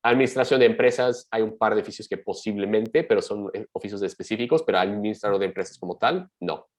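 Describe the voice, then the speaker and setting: Low-voiced man answering webinar questions. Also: low-quality recording. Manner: reads out questions and answers them briskly, thinking aloud. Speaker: migration advisor hosting a webinar. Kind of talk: live webinar Q&A.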